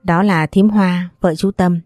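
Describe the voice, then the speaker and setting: A woman's voice: fairly low pitch, steady tone, unhurried, a little mellow, no room sound, studio quality, faint music behind, lightly acted. A woman voicing a stern, protective older man who speaks firmly and scolds his relatives. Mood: gentle. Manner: firm, scolding.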